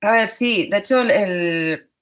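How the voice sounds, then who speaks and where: A woman's voice: mid-range voice, a little slow, a bit bright. A woman, a journalist and author talking as a podcast guest, thinking aloud with many fillers and restarts. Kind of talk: podcast interview.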